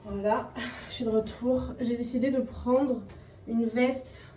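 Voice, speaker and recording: A woman's voice: fairly high pitch, steady tone, slow, dark tone, recorded from a distance. Chatty young woman, roomy and off-mic. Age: young adult. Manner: chatty, rambling, self-mocking, slangy. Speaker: vlogger. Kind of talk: casual vlog chat. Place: home, getting ready. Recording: echoey room, voice off-mic, faint background noise.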